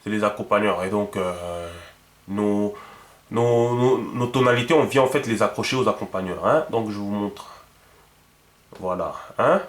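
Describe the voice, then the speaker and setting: A man's voice: lowish voice, unhurried. Male teacher, patient explainer, roomy echo on the voice. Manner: patient, checks often with the viewer. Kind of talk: instructional video lesson. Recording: echoey room.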